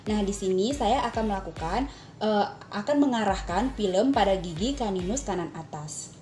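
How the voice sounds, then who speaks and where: Demonstrating a clinical procedure, this young adult dental student speaks at normal speed in a mid-range, mellow, expressive voice. The polite, step-by-step skills demo includes dialogue with a role-played patient. There is roomy echo and background music.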